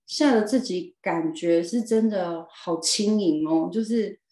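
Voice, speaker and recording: Expressive woman, roomy sound. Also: lowish voice, unhurried. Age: 40s. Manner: expressive, lively storytelling with laughs and emphatic repeats. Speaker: guest. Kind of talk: personal storytelling in a podcast interview. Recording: roomy echo.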